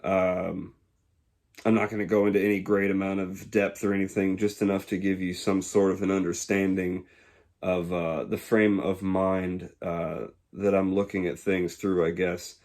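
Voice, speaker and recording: A man in his twenties from Georgia, speaking in a casual, reflective monologue that pauses often to find the words. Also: low-pitched, flat delivery, a little mellow. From Georgia, USA. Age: 20s. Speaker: YouTuber.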